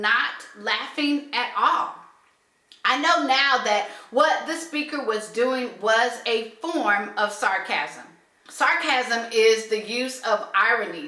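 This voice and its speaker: A woman speaks earnestly about faith and relationships, leaning on slow emphasis for key points. Her voice sits high and sounds bright and crisp. The room around her rings with a noticeable echo. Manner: earnest, measured, with slowed emphasis. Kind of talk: reflective talk on faith and relationships.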